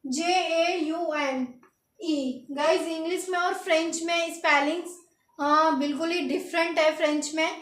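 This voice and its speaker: A woman's voice: extremely high pitch, steady tone, unhurried, a bit bright. A woman teaching beginners, spelling words letter by letter and asking learners to repeat after her. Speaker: French teacher. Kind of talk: lesson for beginners. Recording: echoey room.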